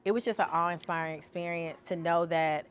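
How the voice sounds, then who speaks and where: Expressive woman telling her story. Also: lowish voice, brisk, slight background noise. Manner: expressive storyteller, animated quoted voices. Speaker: podcast guest, artist. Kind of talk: interview conversation.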